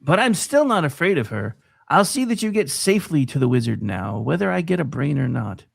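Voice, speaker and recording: A man acting a brainless, good-natured, folksy scarecrow with a creaky, gravelly voice in a parody radio play. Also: fairly high pitch, very animated, a little fast, dry recording, clean studio sound, full character voice. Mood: plucky.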